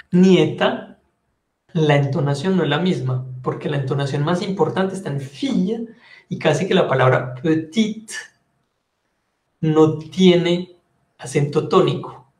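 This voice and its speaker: A man with a Colombian Spanish accent teaching a French lesson, patiently explaining and repeating phrases slowly. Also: a little high, a little mellow, echoey room. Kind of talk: online language lesson.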